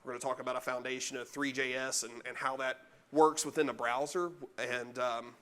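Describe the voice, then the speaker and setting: A man's voice: medium pitch, little pitch movement, brisk, fairly bright tone. A man giving a casual, self-deprecating talk at a tech meetup, chewing gum to keep from coughing through his allergies. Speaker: guest speaker. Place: meetup room with a live audience.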